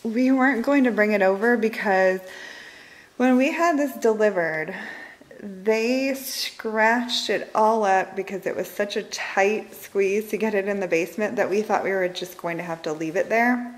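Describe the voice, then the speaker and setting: A woman's voice: medium pitch, a little slow, poor audio. A woman in her thirties giving a casual, upbeat home tour vlog, holding the camera in a large house and chatting with many fillers. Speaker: home vlogger. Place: large house with open living room and kitchen. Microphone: handheld camera, filming herself off screen.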